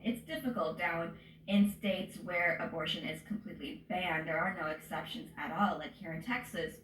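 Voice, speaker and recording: A young woman in her twenties speaks with passion and determination as a student activist. The room gives her voice a clear echo over a faint hiss. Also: fairly low pitch, normal speed, a bit bright. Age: 20s. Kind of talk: news interview statement. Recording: roomy audio.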